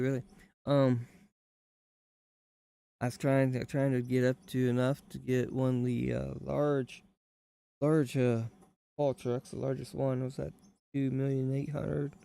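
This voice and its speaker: A man in his thirties with a drawl hosts a live game stream from home, talking in a loose folksy ramble that drifts off mid-thought. His voice is gravelly with an everyday middle pitch. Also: dark tone. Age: 30s. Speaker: live-stream gaming host.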